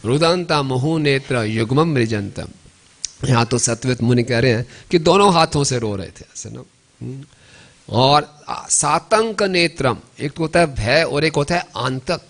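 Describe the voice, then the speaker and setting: Man preaching, devotional storytelling, tag questions, chanted verses, mid pitch. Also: lively intonation, measured pace. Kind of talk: sermon storytelling in a temple.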